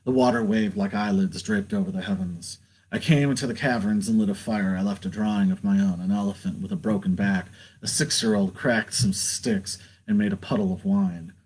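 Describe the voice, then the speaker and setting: Husky man reciting spoken-word poetry. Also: lowish voice, steady tone, brisk, darkish tone, rough recording. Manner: rhythmic, dramatic recitation. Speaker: performer.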